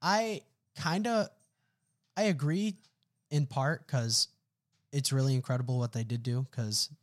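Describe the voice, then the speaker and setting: A man's voice: medium pitch, unhurried. A young man co-hosting a casual sports podcast, laid-back, dropping "bro" and agreeing with "mm-hmm". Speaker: podcast co-host.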